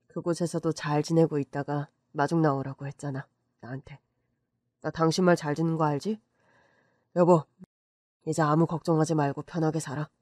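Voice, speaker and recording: A man acts out a late husband who visits his grieving wife in a dream for an audio story. He speaks tenderly and soothingly in a slightly higher-pitched voice. The recording is dry and close. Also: a little mellow, no room sound, lightly acted. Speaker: voice actor in a narrated story.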